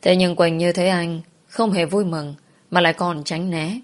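A woman narrating a first-person romance story in a calm, steady reading voice. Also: on the low side, moderate pace.

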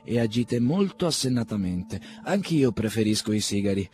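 A man's voice: lowish voice, very animated, normal speed, a little mellow. A man voicing an elderly country doctor and father who is humble, fussy and eager to please. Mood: fussing. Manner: apologetic, eager to please, ceremonious.

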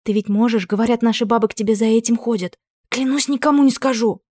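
Brief: woman voicing a sixteen-year-old village girl, high, whiny, pleading. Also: quick pace, a little mellow, dry recording, natural voice. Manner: wailing and pleading. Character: weepy lovesick teenage village girl.

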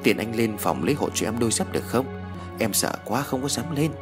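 A man's voice: medium pitch, expressive, fairly quick, over music, close to an everyday voice. A man reading the lines of a frightened young woman who pleads in a shaken way. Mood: pleading.

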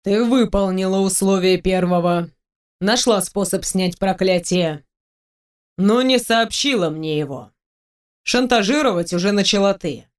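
A reader voicing a cunning, powerful male mage lord who speaks calmly and tersely in an audiobook. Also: medium pitch, unhurried, clean tone, natural voice. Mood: explaining. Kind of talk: audiobook character voice.

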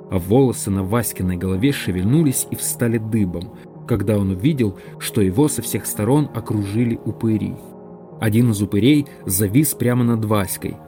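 Low-voiced man narrating an audiobook. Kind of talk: scripted narration.

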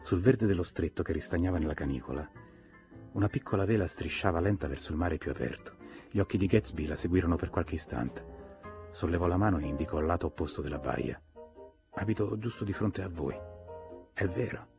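A man reading a novel aloud in measured, even narration for an audiobook. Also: deep voice, over music. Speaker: audiobook reader. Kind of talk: scripted narration.

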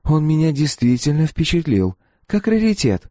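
A man voicing a young, self-reliant, sharp-tongued woman in an audiobook, pert and always questioning. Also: fairly high pitch, sing-song, no room sound, clean studio sound, voice pushed up. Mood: curious. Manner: pert, questioning, quick to retort. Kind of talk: audiobook character voice.

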